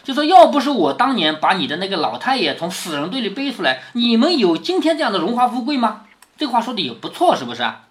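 A man reading a classic novel aloud to his daughter and explaining it in plain words as he goes, often checking in with "isn't it?" and dropping low and soft on those questions. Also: very animated, fast talker. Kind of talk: explanatory read-aloud storytelling.

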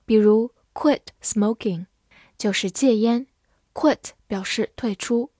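A woman with Mandarin as her first language teaching English vocabulary in a scripted lesson, reading sentences slowly and spelling words letter by letter. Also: on the high side, dark tone, no room sound, clean studio sound. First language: Mandarin Chinese.

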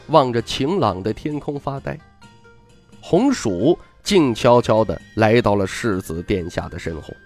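Expressive male audiobook narrator. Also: mid-range voice. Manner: storytelling, expressive. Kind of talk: scripted narration.

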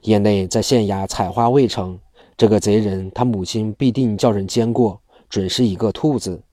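A man voicing a talkative, gossipy male tavern waiter in a storybook reading, with a low, dark voice. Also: fairly even intonation, moderate pace, no echo, studio quality, natural voice.

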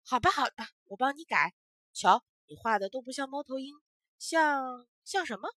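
A chubby little braggart boy from a bedtime storybook, as a woman storyteller puts him on. He talks loudly and bossily in a bright, lively voice. The sound is dry and close. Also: high-pitched, normal speed, no room sound, voice pushed up, exaggerated voice. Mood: bossy. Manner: bragging, loud.

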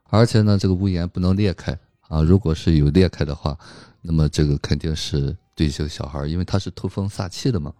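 A man's voice: low-pitched, brisk, warm tone, no room sound, studio quality. A man, a psychological counselor, explaining patiently as a guest in a casual film discussion, with frequent fillers.

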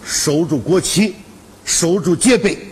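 An actor playing a fussy, kind old matchmaker in a stage comedy sketch, scolding and exasperated, repeating himself. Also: male voice, a little high, slow pace. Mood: tender. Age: older.

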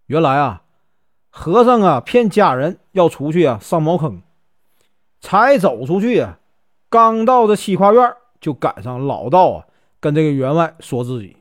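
Lively Northeastern storyteller man. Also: a little high, dry recording, studio quality. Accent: Northeastern Chinese. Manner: lively, colloquial with drawn-out particles. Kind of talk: folk storytelling narration.

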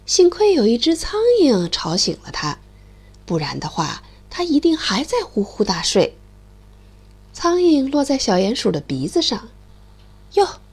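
A woman narrating a children's storybook in an expressive, sing-song way. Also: a little high, moderate pace, slightly rough.

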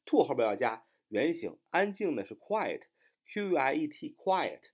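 A man teaching an English grammar lesson in Chinese, explaining step by step with many fillers and reading his English examples slowly and carefully. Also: on the high side, very animated, husky, muffled recording. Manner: spells words letter by letter, slow deliberate English examples; frequent fillers, explanatory and repetitive.

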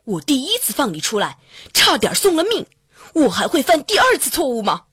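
A woman voicing a clever, stubborn male fisherman in a storybook, with a husky, lowered voice and a wary, determined manner. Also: wildly swooping pitch, brisk, a bit bright, dry recording, studio quality, exaggerated voice. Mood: defiant. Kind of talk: storybook character voice.

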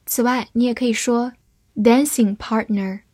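Slow, clear woman teaching vocabulary. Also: a little high, steady tone, darkish tone, dry recording. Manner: spells words letter by letter, slow model readings. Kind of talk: scripted vocabulary lesson.

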